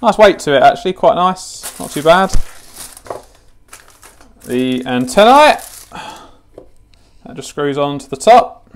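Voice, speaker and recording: This British man in his twenties, who hosts a fishing channel, is very animated yet slow, pausing often as he unboxes and demonstrates gear indoors in his home kitchen. His voice sits a little high, his style is chatty, informal and matter-of-fact, and a little hiss or hum can be heard.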